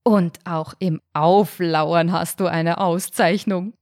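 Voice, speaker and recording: A woman's voice: on the low side, steady tone, slow pace, a little mellow, dry recording, studio quality. Woman doing a proud, boastful father shark. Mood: boastful cheerful. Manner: gruff, grumbling, self-assured.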